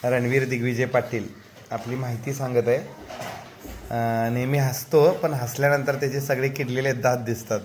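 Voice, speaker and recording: Gently teasing man interviewing a child. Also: medium pitch, flat delivery, moderate pace, slight background noise. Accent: Marathi. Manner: gently teasing, coaxing questions. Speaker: teacher interviewing a pupil.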